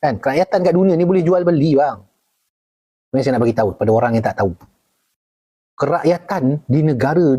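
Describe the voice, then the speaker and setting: A husky-voiced Malaysian man, a retired army officer, answers viewer questions in a casual live Q&A. He's animated, leaping high in pitch for emphasis and constantly checking in with "okay?" and "right?".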